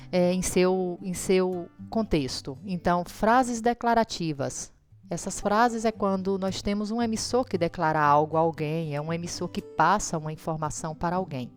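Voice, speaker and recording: A woman's voice: fairly low pitch, a little mellow. A Brazilian woman teacher giving a recorded grammar lesson, explaining and checking in with her students through frequent tag questions. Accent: Brazilian Portuguese.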